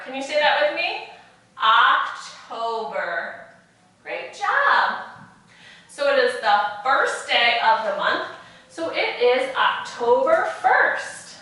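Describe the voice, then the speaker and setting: A woman with a high-pitched, unhurried kindergarten teacher voice leads a lesson for little children. She uses simple words and encouraging prompts. The room is very echoey, as if she stands back from the mic. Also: sharp tone, far from the mic. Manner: encouraging, with frequent praise and prompts. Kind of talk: virtual lesson for young children.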